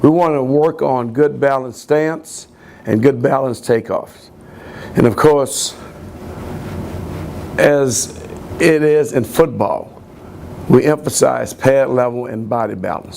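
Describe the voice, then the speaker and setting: A man's voice: mid-range voice, creaky, darkish tone, slight background noise. A man coaching running backs, explaining drills step by step in a plain, repetitive way. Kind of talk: coaching instruction.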